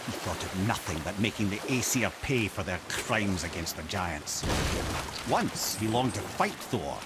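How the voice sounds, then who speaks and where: The talking head of a wise, aged video game storyteller is voiced by a man on the low side, delivering eloquent, theatrical lines full of wit and wry asides. The recording is very noisy.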